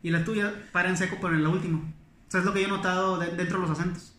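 A man's voice: high-pitched, fast. A man from Coahuila with a Coahuila accent, telling anecdotes in casual chat and acting out what people said. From Coahuila, Mexico. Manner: animated storytelling, acts out quotes. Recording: echoey room.

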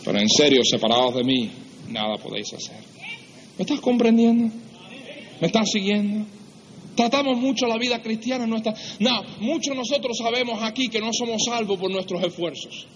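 A man preaching a sermon who acts out pleading prayers in a higher voice and drops low and slow to drive points home. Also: big-room sound, a little hiss or hum. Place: church.

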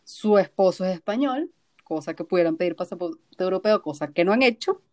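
A woman's voice: fairly low pitch, lively intonation, a little fast, darkish tone. Blunt Venezuelan woman chatting. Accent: Venezuelan Spanish. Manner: frank, blunt, swears casually. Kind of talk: casual chat.

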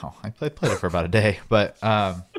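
A man chatting casually as co-host of a gaming podcast, in a somewhat halting way. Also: lowish voice.

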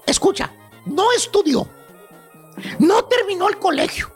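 Man, radio comedy host, slangy, mocking, very high-pitched, music behind. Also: lively intonation, measured pace. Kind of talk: comic storytelling.

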